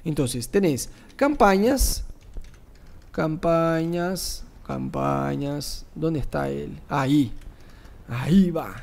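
A man with a Rioplatense Spanish accent, a pastor teaching church advertising, sits at his screen and leads viewers through a live online class. His fairly high, creaky voice draws out words as he explains each step in an animated way, teasing his listeners and tossing in rhetorical asides.

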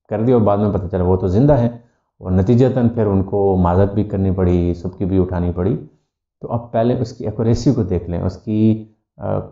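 Gravelly, dark-voiced Urdu-speaking male educator. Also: low voice. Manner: explanatory, mixes English terms, frequent "uh" fillers. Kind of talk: lecture-style talk. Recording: echoey room, dull lo-fi sound.

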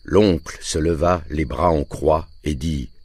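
Low husky man reading a novel. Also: darkish tone, no room sound, clean studio sound. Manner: measured storytelling. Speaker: audiobook reader. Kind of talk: literary narration.

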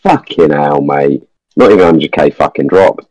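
Young man, very low voice, dry close headset sound, constant swearing, exasperated gameplay chatter. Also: normal speed, darkish tone, dry recording, lo-fi sound. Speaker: gamer.

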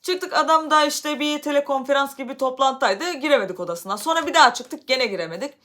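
A woman from Turkey telling a story casually to her vlog audience, animated, her voice getting loud when she is upset. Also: sits high, fast talker. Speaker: vlogger.

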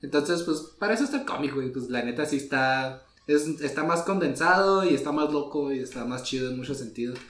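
Un hombre con acento mexicano que conversa de forma relajada y coloquial en un podcast y salpica sus frases con modismos. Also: male voice, mid-range voice, expressive, a little fast, few pauses, a bit bright, echoey room. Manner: slangy, laid-back, peppers talk with "güey". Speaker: podcast co-host. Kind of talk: casual chat.

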